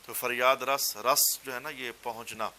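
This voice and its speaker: A male teacher with a Punjabi accent leads a class in a clear, bright voice. He explains step by step, repeats key words, and draws out lines of verse slowly. A faint hiss runs under the recording. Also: medium pitch, steady tone. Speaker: teacher of a Persian text class. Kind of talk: classroom lesson. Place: classroom with students.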